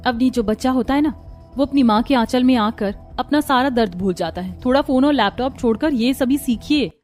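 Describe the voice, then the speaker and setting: एक महिला एक कार्टून कहानी में एक दयालु, परवाह करने वाली युवा माँ की आवाज़ दे रही है, सच्चे और कोमल अंदाज़ में।. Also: female voice, high voice, fairly quick, natural voice. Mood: caring. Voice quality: gentle, earnest. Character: kind caring young wife and mother. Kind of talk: Hindi cartoon voice acting. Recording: light music behind voice.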